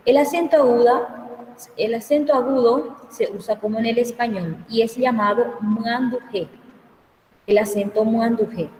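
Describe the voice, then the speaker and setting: A woman lecturing at an unhurried pace, pausing often to check that her students are following. Her voice sits back from the microphone, and the room around her rings with a long, echoing tail. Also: a little high, a little mellow. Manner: slow, explanatory, checks understanding with frequent "¿sí?". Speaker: Guarani language teacher. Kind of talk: online class lecture. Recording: echoey room, voice from far off the mic.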